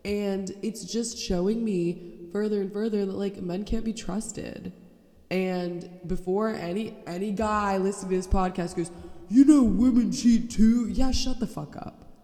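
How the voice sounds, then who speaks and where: Speaking unhurriedly in a mid-range, dark-toned voice, a young woman with a cold-nasal sound rants on her own podcast. It's a casual solo piece, blunt, sarcastic and sweary. The recording echoes around the room, the mic held wrong.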